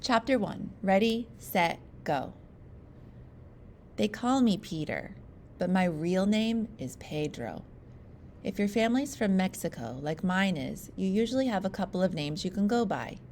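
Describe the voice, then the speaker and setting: A woman reading a graphic memoir aloud in a lively storybook manner. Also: medium pitch, normal speed, a little hiss or hum. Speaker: reader.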